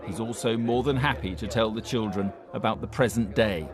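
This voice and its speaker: A man's voice: fairly low pitch, brisk, crowd noise. A man reading a scripted documentary narration. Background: music.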